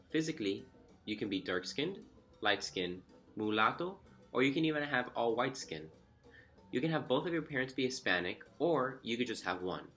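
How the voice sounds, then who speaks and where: A man's voice: fairly low pitch, pushed and bright. A young man from Miami reading an earnest, reflective personal story as scripted narration. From Miami, Florida. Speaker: student storyteller. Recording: faint music underneath.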